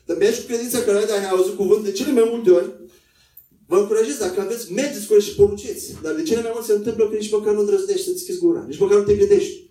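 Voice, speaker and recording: High-voiced man preaching in an echoey room. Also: dark tone, recorded from a distance. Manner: conversational, acts out quotes in a higher voice. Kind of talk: sermon.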